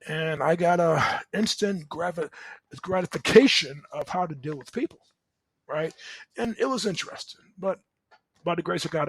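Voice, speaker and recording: A middle-aged man hosting a podcast, telling his life story in a lively, conversational way, chuckling often. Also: a little high, breathy edge, dry recording. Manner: animated, conversational, chuckles often, asks "right?". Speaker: podcast host. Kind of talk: personal storytelling monologue.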